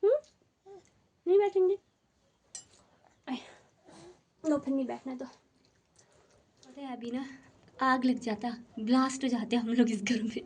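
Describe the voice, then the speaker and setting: A woman's voice: sits high, takes it slowly, pauses often, darkish tone, slightly rough. A young woman with a head cold, chatting casually to viewers as a family vlogger at home. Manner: chatty, talks straight to viewers. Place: home, indoors.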